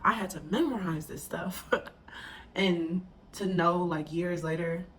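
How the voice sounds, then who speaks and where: A woman's voice: lowish voice, slow, slight background noise. Chatty emotional woman in her twenties. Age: 20s. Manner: chatty and emotional, filler-heavy, dropping to near whispers. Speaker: vlogger. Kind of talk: casual vlog chat to camera.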